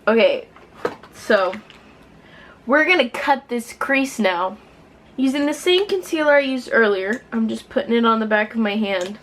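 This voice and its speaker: A woman's voice: fairly high pitch, expressive, a little slow, slight background noise. A drunk woman chatting casually through a makeup tutorial for viewers, giggly and rambling, playful and self-deprecating with some swearing. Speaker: beauty vlogger presenting a makeup tutorial.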